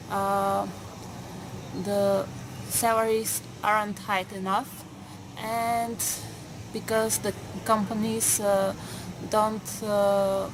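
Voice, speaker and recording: A woman of twenty-two, a student answering interview questions slowly, pausing often on fillers. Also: mid-range voice. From Bulgaria. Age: 20s. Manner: hesitant, many pauses and fillers. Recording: noisy background.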